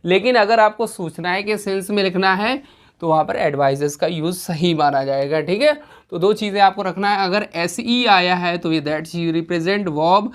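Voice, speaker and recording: A woman teaching an exam-prep grammar lesson, explaining step by step with frequent rhetorical questions and check-ins. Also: on the low side. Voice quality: clears throat now and then.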